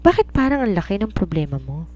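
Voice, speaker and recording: A woman's voice: medium pitch, big pitch swings, fast, dark tone. A woman voicing a desperate young woman pleading with the man she loves in an audio romance story. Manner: pleading, emotional.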